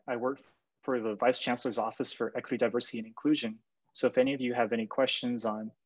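Young man, measured and a bit formal, muffled video-call sound. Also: medium pitch. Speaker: equity coordinator. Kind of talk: casual club meeting introduction. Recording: dull lo-fi video call audio.

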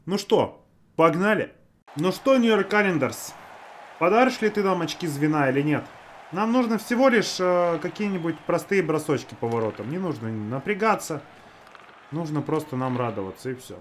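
A man casually commentates his own hockey video game, chatting to his teammates as he goes. His voice sits a little high, with faint game noise behind it. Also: expressive, moderate pace. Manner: talks to teammates and himself.

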